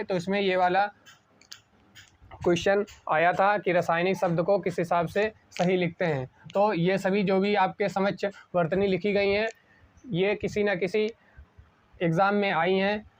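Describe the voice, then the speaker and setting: A man teaching an exam-prep spelling lesson at a board, asking a question and answering it himself, slowing down on each correct word. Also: sits high, flat delivery. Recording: dull lo-fi sound.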